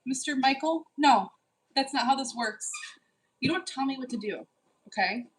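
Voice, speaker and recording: Here a woman in her 40s runs a livestream, casually reading the chat, bossing and teasing her viewers and telling off anyone rude. She sounds high and husky, animated at a normal speed, on a low-quality recording.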